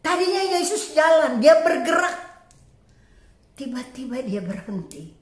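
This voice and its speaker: A woman delivers an earnest sermon in a high voice. She speaks slowly and emphatically, with dramatic pauses between phrases. The recording carries a roomy echo. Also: very animated. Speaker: preacher.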